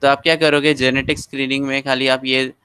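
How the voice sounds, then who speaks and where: A man's voice: medium pitch, level tone, quick pace, pushed and bright, clean tone, no room sound, low-quality recording. A man teaching genetics, checking in often with his listeners. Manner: explanatory, frequent "theek hai" check-ins. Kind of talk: casual lecture mixing Hindi and English.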